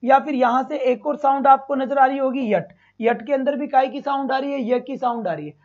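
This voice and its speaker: A male teacher runs a live online exam-prep class, calling students "beta" and repeating sounds slowly. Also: very high-pitched. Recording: dull lo-fi stream.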